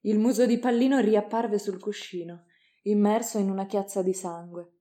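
Mellow woman narrating a dark tale. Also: medium pitch, fairly even intonation. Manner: measured, dramatic reading. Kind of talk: audiobook narration.

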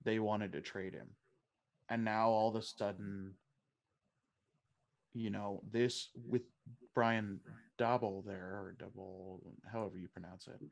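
A man's voice: lowish voice, fairly even intonation, unhurried, creaky, pauses often. A man co-hosting a fantasy football podcast in casual chat, thinking aloud and often restarting his sentences.

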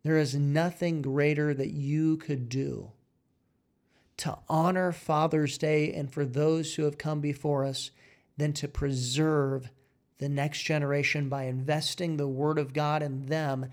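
A man preaching a fiery sermon, exhorting forcefully with repeated phrases and rising emphatic peaks. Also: a little high, level tone, a little slow.

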